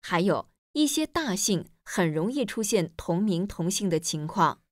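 A woman playing a teacher in a scripted textbook listening dialogue, explaining clearly and evenly. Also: lowish voice, sing-song, a little slow, dry recording, clean studio sound.

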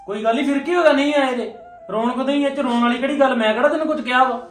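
A high-voiced young husband, chatty and coaxing, who keeps repeating his reassurances, as a man acts him out. The family-drama voice sounds set back from the mic in an echoey room. Soft music plays underneath. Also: rapid-fire, far from the mic. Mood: consoling. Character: young husband, teasing then consoling his wife. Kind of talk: family web drama acting.

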